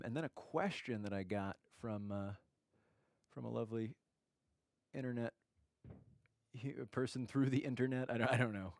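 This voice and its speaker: Warmly welcoming viewers by name, this man hosts a casual livestream chat and rambles, restarting often and leaning on fillers. His voice is lowish, and there's no echo.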